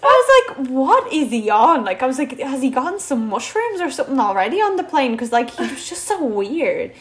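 Animated young Dublin Irish woman. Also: high-pitched, fairly quick. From Dublin, Ireland. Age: 20s. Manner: animated, quotes others in lively bursts. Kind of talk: casual storytelling chat.

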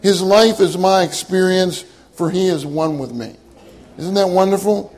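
Male preacher with a high voice: an earnest, emphatic sermon that repeats its key lines. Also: measured pace, a little mellow, rough recording. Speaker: minister.

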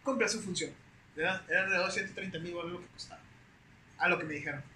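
A young man with a Mexican accent, a podcast guest telling stories in a slangy, animated, casual way. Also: sits high, very fast. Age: young adult. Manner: slangy, animated, peppers speech with güey. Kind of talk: casual storytelling chat. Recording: roomy echo with faint hiss.

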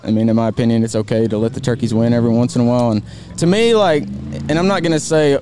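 A man's voice: mid-range voice, fast talker, noisy background. A man being interviewed in a casual chat, talking in a rambling, hedging way and saying "man" often. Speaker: guest, works for a call company. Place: event venue.

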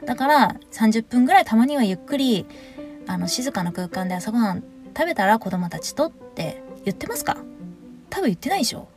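A woman hosting a podcast, giving frank, lively marriage advice in a casual monologue and acting out quotes with big swings in pitch. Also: brisk, soft background music.

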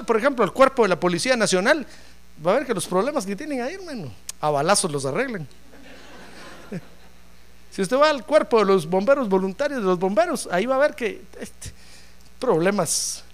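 A man preaching a sermon in an animated, joking way, acting out voices as he tells the story. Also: high-pitched, a little fast.

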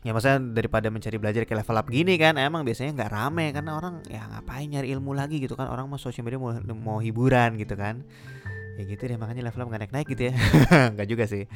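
A young man hosting a solo podcast in a relaxed, chatty way, with lots of casual filler phrases. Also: mid-range voice, fast talker, faint music behind. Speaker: podcast host.

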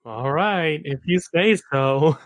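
A man's voice: a little high, slow, dry recording. A man playing in a tabletop game podcast, dry and teasing. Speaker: player. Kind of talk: casual chat among players.

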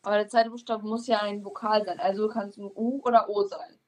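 A young woman co-hosting a casual guessing-game podcast, competitive and stubborn, musing aloud in drawn-out syllables. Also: medium pitch, steady tone, darkish tone. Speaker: co-host playing a guessing game.

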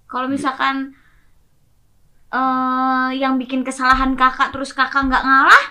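A woman's voice: high-pitched, monotone, measured pace, over a noisy crowd. A woman appearing as a guest in a casual chat, chatty and often adding devout exclamations. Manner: chatty, devout interjections, laughing.

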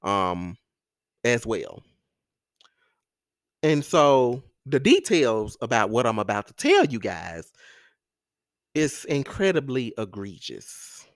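A man's voice: fairly low pitch, clean tone, no room sound, clean studio sound. A man hosting a podcast, giving casual news commentary in a campy, theatrical manner. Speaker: podcast host.

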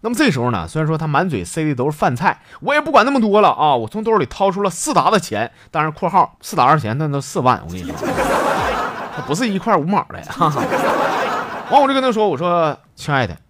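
A man's voice: a little high, quick pace, slight background noise. A man with a Northeastern Chinese accent hosting a radio-style show, telling listeners' funny stories and voicing the people in them. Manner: jokey, animated, voices the characters in his stories. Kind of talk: comedic storytelling.

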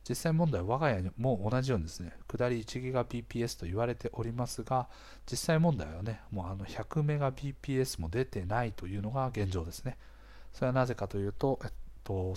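A man speaks as the host of a casual explainer. His voice is a little hoarse and sits at an ordinary middle pitch. He talks conversationally, walking the listener through points with small interjections along the way. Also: animated, quick pace, darkish tone. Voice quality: hoarse, gravelly-sounding voice. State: slightly hoarse. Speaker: podcast host.

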